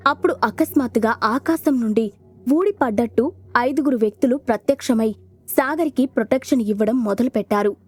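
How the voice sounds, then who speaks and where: A woman narrating an audio storybook in a steady, expressive reading. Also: fairly high pitch, brisk, slightly rough, no echo. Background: soft background music.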